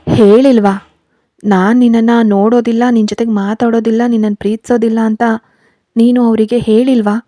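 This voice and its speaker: A cold, cruel young husband in a spoken storybook, snapping his words out loud and harsh, as a woman reader puts him on. The voice is dark and mellow, recorded close and dry with no room sound. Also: medium pitch, little pitch movement, normal speed, no echo, close to an everyday voice. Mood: angry.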